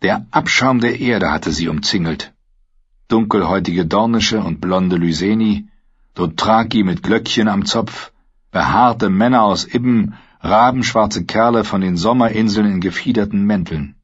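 A man reads an audiobook in a steady, dramatic way. His voice sits on the low side and has a husky grain. The recording sounds dull and lo-fi. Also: a little slow. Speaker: narrator. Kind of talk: audiobook narration.

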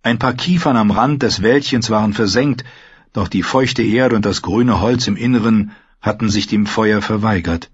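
A man narrating a fantasy audiobook in an even, steady storytelling voice. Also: fairly low pitch, normal speed, husky, no echo. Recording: slightly muffled, dry recording.

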